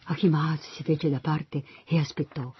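A narrator reading a Bible story aloud in a steady storytelling manner. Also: medium pitch, unhurried, slightly rough, no room sound, highs cut off.

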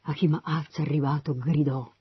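A narrator reading a Bible story aloud in a steady storytelling manner. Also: medium pitch, moderate pace, husky, no echo, lo-fi sound.

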